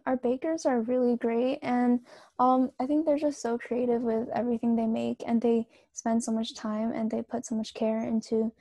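A woman's voice: on the high side, little pitch movement, moderate pace, warm tone, dry recording. A teenage girl on a student bakery team, gushing about it in a casual interview with fillers. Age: teens.

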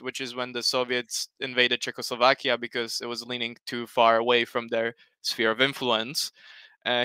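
A man's voice: medium pitch, bright, forceful tone, clear, resonant tone, dry recording. A young man from Slovakia, a native Slovak speaker, speaking earnestly on a headset in a casual online panel, hesitant with many fillers and restarts. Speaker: panel guest. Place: home room.

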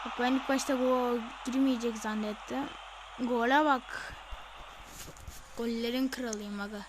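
A woman playing a football video game live, excitable, yelling instructions at the screen and swearing. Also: fairly high pitch, a little slow, noisy background. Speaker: gamer.

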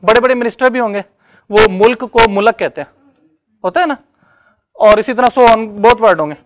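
A man's voice: high voice, normal speed, noisy background. Male lecturer, chatty. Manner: conversational, checks understanding often. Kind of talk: classroom lecture.

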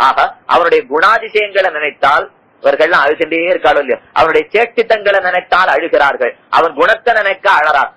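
Older male discourse speaker, bright husky voice, chants verses, old radio sound. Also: a little high, rough recording. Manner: explains Sanskrit verses and recites Tamil hymns in a lilting chant. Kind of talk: devotional discourse.

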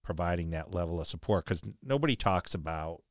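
A man's voice: low-pitched, animated, fairly quick, no room sound, clean studio sound. A man hosting an interview, asking long rambling questions in a conversational way and sharing his own racing memories. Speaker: interview host. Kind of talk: casual interview.

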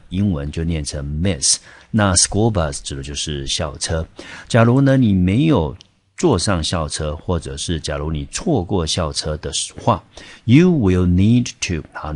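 A man from Taiwan with a Taiwanese Mandarin accent, teaching English vocabulary step by step and reading example sentences slowly. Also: extremely low pitch. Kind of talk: vocabulary lesson.

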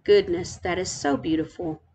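A woman's voice: lowish voice, steady tone, moderate pace, a little mellow, a little hiss or hum. A middle-aged woman from Texas, hosting a casual tour of a game island, gushing and repeating her praise.

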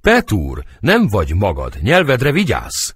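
A man voicing a cautious nobleman who hushes and calms a hot-headed friend, in an audiobook reading of a play. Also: on the low side, husky, dry recording, studio quality, heavily acted. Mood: placating. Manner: hushed, placating warnings. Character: cautious, soothing adult male nobleman.

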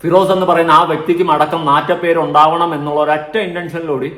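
A man's voice: a little high, little pitch movement, fast, fairly bright tone, echoey room. A man giving indignant, insistent opinion commentary on his vlog, repeating his points. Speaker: vlogger commentator.

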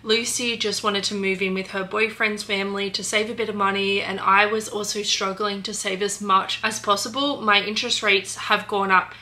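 A woman's voice: mid-range voice, flat delivery, moderate pace, hardly any pauses, sharp tone. A woman in her late twenties chatting to camera from her old bedroom, rambling and laughing often as she eats. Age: late 20s. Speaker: vlogger. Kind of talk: casual chat to camera.

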